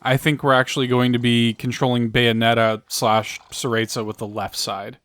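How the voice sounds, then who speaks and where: A man's voice: mid-range voice, flat delivery, moderate pace, a bit bright, smooth, dry recording. A man giving casual let's play commentary on a video game, thinking aloud as he goes.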